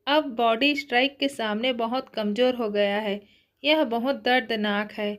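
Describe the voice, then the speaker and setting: Young heroine, ex-kickboxing champion, tearful, woman reading, plaintive, slow, high-ish. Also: close to an everyday voice. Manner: soft, plaintive, sniffling.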